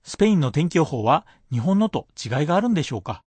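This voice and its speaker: A man's voice: on the high side, big pitch swings, fast talker, darkish tone, breathy edge, dry recording. A man teaching a radio language lesson, patiently explaining pronunciation point by point.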